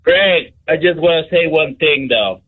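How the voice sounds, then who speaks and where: A man's voice: fairly high pitch, measured pace. A man calling into a radio show on a speakerphone, laid-back and casual. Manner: laid-back, says dude. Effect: phone call on speakerphone. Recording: tinny speakerphone line, distant.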